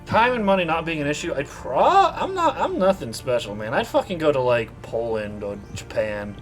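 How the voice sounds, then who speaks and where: A man's voice: fairly high pitch, sing-song, moderate pace, faint music behind. A man co-hosting a casual group chat, blunt and swearing freely as he teases the others.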